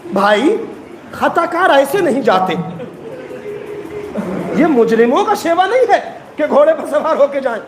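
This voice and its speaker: A man preaching at a mourning gathering, chanting an emotional elegy, sobbing and rising to wails. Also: very high-pitched. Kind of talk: chanted Muharram elegy sermon. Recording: echoey hall with faint noise.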